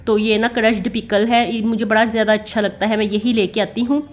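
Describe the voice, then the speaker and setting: Chatty Pakistani housewife vlogger. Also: female voice, fairly high pitch, level tone, fairly quick. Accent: Pakistani Urdu. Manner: chatty, homely, many fillers. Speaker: family vlogger. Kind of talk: casual voice-over narration.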